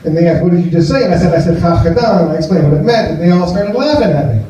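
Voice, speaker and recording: This American man in his fifties races through a self-deprecating, meandering comedy set, bantering with a small cafe audience. His voice is high, animated, and dark in tone. There's a little hiss or hum in the distant, roomy, muffled live audio.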